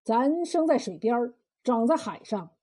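Woman voicing a slow-talking old fisherman. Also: sits high, animated, mellow, slightly rough, heavily acted. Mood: lecturing. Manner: slow, drawn-out folksy speech. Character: weathered old male fisherman, blunt and wise. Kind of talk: storytelling role voice.

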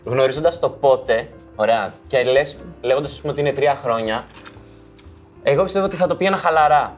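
A man's voice: medium pitch, faint music behind. A young man explaining his view in a laid-back way during a casual chat among friends.

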